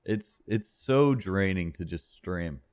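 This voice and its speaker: Slow-talking young man on a podcast. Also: low-pitched, lively intonation, a little mellow. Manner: laughs often, mimics others' stammering. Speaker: podcast co-host. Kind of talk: casual podcast chat.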